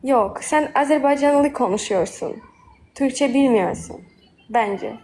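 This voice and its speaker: A woman's voice: high-pitched, slow pace, darkish tone, slight background noise. A woman chatting casually as a livestream guest in short, simple replies, switching between Russian and Turkish. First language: Kurdish background, speaks Russian and Turkish.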